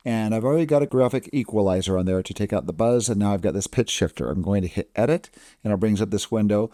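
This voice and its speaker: Male editing instructor, relaxed and fairly low, casual screen-tutorial narration, close dry mic. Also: no echo.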